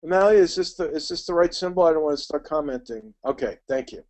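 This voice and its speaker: A middle-aged man teaching a live trading webinar. He talks quickly and chattily and calls attendees by name. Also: fairly high pitch, a little mellow.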